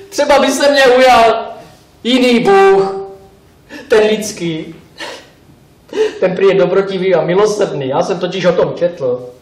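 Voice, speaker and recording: A man playing a talkative, wistful male pig who rambles, corrects himself, speaks straight to the audience and bursts into indignant shouts, on a theatre stage. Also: high-pitched, recorded from a distance, close to an everyday voice. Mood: pleading. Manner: rambling, self-correcting, addresses the audience directly. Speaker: stage actor. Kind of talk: live stage monologue. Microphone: distant room mic. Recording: roomy live stage recording from afar.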